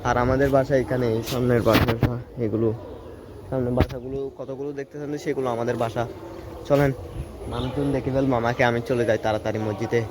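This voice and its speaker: A man's voice: medium pitch, steady tone, fast. Young man vlogging outdoors, chatty. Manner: chatty, keeps asking the viewer "understand?"; drops to a hushed voice when people pass. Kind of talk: casual handheld vlog narration. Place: outdoors in a rainy rural village. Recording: outdoor phone audio with clear ambient noise.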